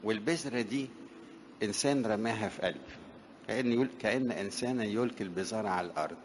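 A man's voice: on the low side, quick pace, a little hiss or hum. A man with an Egyptian accent preaching a sermon in a church on a wireless microphone, talking casually with the congregation and asking them questions. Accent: Egyptian Arabic. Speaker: priest.

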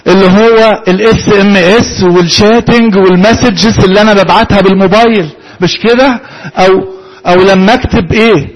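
A man's voice: high-pitched, fairly even intonation, brisk, poor audio. A man with an Egyptian Arabic accent gives an interactive lecture to a live audience, posing questions and then answering them himself.

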